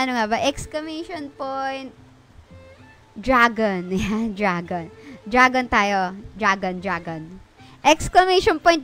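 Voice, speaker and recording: A young woman hosts a casual game livestream in a high, animated voice. Her tone is bright and her pace slow between loud, sudden shrieks and curses. Faint music plays behind her. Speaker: game streamer.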